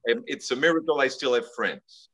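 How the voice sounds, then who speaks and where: A middle-aged man from Belgium, a guest telling stories in a relaxed way over a video call from his home study. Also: medium pitch, a little fast, a little hiss or hum, low-quality recording. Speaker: guest, cigar company executive.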